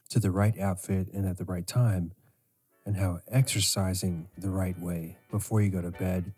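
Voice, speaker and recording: A middle-aged man hosting a podcast as a sleep coach, speaking in a slow, measured way. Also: fairly low pitch, dark tone. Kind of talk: scripted podcast monologue.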